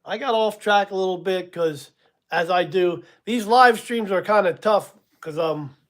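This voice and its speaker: In his sixties, this man hosts a casual live stream in a high, slightly slow voice. He rambles a bit, says "um" often, chuckles at himself, and answers viewers by name.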